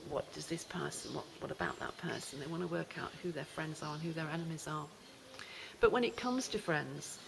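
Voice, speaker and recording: Woman, gravelly creaky voice, reflective unscripted presenter, cave echo, faint background noise. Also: fairly low pitch. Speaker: astrology video presenter. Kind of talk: unscripted spoken explainer to camera. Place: inside a mountain cave. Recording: echoey cave reverb, clear background noise.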